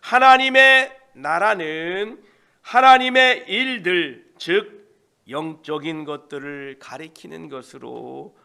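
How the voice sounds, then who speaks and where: A man preaching an early-morning prayer sermon as pastor, slowly expounding and reading scripture aloud. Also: on the high side, creaky, bright, forceful tone, clear, resonant tone. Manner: slow, deliberate Bible exposition with scripture reading.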